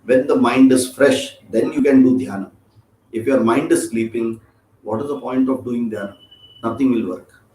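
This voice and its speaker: A man's voice: mid-range voice, moderate pace, a little mellow, a little hiss or hum. A man with an Indian accent teaching an informal scripture class, chatty and joking, often checking in with his listeners. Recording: roomy echo.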